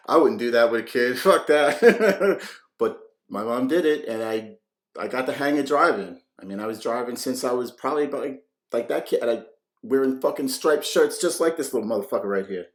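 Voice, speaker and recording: A man's voice: medium pitch, lively intonation, normal speed, reverberant. A man in his fifties doing a rambling, profane reaction commentary, laughing often. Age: 50s. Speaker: reaction video host.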